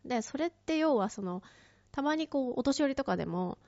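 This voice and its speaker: In a dull, lo-fi, dry close recording with no echo, a woman chats through a casual story, her voice high, expressive, slightly mellow and a bit quick. She uses lots of fillers, laughs lightly and often, and raises her voice to act out quoted lines.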